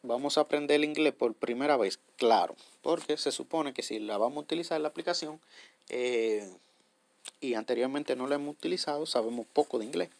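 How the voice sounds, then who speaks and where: A man's voice: mid-range voice, brisk, gravelly, no room sound. A man hosting a step-by-step app tutorial. He explains patiently, repeats himself, and keeps checking in with his viewers. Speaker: tutorial host.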